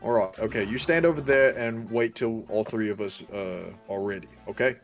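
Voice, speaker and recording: A man's voice: lowish voice, moderate pace, faint music behind. A man chatting casually as a player in a tabletop fantasy game, explaining things patiently. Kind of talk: casual in-character game chat.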